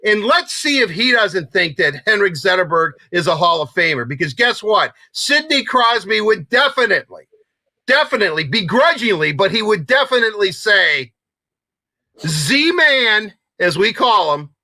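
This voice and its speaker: High, bright-voiced excitable sports host. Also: male voice, moderate pace, no echo. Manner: excitable, rambling with many restarts. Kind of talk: casual sports talk.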